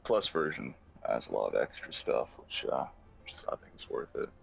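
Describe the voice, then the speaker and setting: A laid-back man chatting on a game stream, halting, with many fillers. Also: very deep voice, very animated, vocal fry, slightly rough, soft background music. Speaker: friend on the stream. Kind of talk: casual chat.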